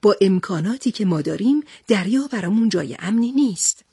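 A woman's voice: mid-range voice, expressive, dark tone, slightly rough, no room sound, studio quality. A woman voicing a brave male sea captain who speaks steadily and reassuringly. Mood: steady.

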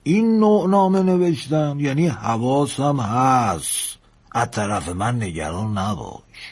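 A man voicing an old ship engine mechanic who teases and advises a young sailor with slow, stretched lines. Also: medium pitch, animated, darkish tone, voice pushed up. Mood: advising. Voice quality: raised, slow, stretched delivery. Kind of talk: storybook character voice.

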